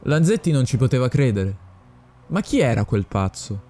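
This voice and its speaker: A man narrating a short story and voicing the conductor, expressive and theatrical. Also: medium pitch, moderate pace, soft background music. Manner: expressive, acting out the characters. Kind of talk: audiobook story reading.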